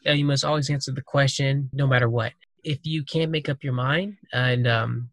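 A man hosts a casual podcast, his speech loose and rambling with many fillers and restarts. The voice is mid-range and a bit bright, with no echo.

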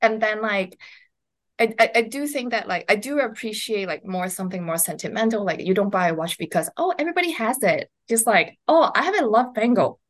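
A woman from Hong Kong, appearing as a podcast guest, chats casually and informally, sprinkling "like" throughout. Her medium-pitched voice is brisk with lively intonation.

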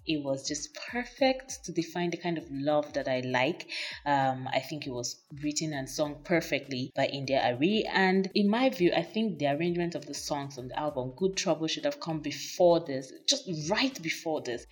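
A woman's voice: sits low, expressive, moderate pace, breathy edge. A woman casually reviewing a song she loves, talking with gushing enthusiasm. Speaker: music reviewer.

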